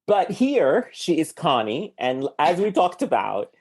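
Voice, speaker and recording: A man's voice: fairly high pitch, wildly swooping pitch, measured pace, darkish tone, slightly rough. A man hosting a podcast, talking about a film in a casual, thinking-aloud way with many fillers. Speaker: podcast host.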